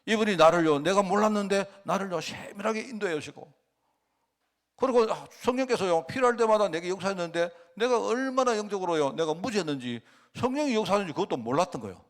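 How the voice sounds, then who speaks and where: Middle-aged male pastor, animated sermon delivery, rhetorical questions, slightly high voice with wide swings. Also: quick pace. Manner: animated preaching with sudden loud and soft swings; asks the congregation rhetorical questions.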